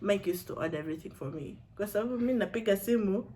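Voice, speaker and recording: A woman's voice: mid-range voice, expressive, fast talker, warm tone, a little hiss or hum. A young woman from Kenya with a Kenyan accent, chatting casually as a vlogger, playful and laughing often, dropping in Swahili. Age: young adult. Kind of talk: casual chat.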